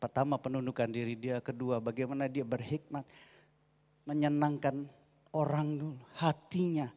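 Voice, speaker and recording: A man's voice: medium pitch, normal speed. A male pastor preaching with humor, acting out conversations in playful voices and chuckling as he tells stories. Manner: animated, acts out dialogue in funny voices, chuckles often. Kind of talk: sermon with humorous storytelling. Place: church hall. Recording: reverberant church hall.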